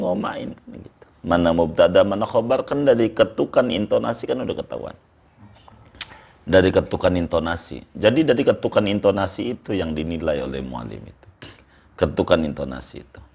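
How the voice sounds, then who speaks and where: An older man speaks in a very low, gravelly voice. He explains patiently as a scholar in an interview, often repeating his phrases. Now and then he reads classical Arabic text aloud. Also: a little mellow. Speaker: Islamic scholar, interview guest. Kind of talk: relaxed conversational interview.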